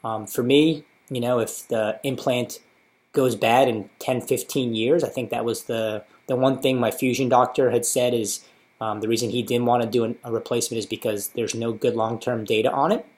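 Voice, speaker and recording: A man's voice: mid-range voice, steady tone, moderate pace, a little mellow. A man in his thirties with an American accent, talking casually and matter-of-factly in an informative personal video diary. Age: 30s. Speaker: patient sharing his surgery experience.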